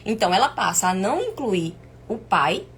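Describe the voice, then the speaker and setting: A woman's voice: mid-range voice, very animated, normal speed. A woman with a Brazilian accent and an inflamed, sore throat, teaching informally on a live stream in an emphatic, didactic way with repeated points. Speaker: family constellation teacher hosting a live stream. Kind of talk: informal live lesson to viewers. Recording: clear background noise.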